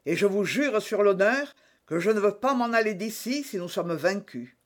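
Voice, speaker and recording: A man's voice: sits high, expressive, normal speed. A man voicing an earnest, proud young swordsman in an audiobook, speaking courteously. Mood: solemn.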